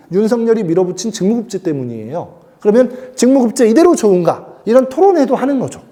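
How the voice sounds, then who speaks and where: A middle-aged man giving a lively lecture to new union members, acting out quoted voices and dialect lines. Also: high voice. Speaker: union educator.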